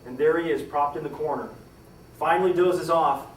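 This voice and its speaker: Brief: male storyteller, slightly high voice, dramatic, acts out lines, distant mic in a roomy hall. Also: normal speed, slight background noise. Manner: dramatic, acts out quoted lines with rising pitch and volume. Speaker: historical storyteller giving a talk. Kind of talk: live storytelling to an audience. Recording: echoey room, distant mic, faint ambience.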